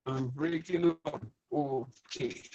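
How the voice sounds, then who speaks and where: A man's voice: a little high, fairly even intonation, takes it slowly, darkish tone, no room sound. A male teacher on a video call, his audio choppy and breaking up over a bad connection as he keeps asking whether he can be heard. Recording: dull lo-fi call audio, faint music.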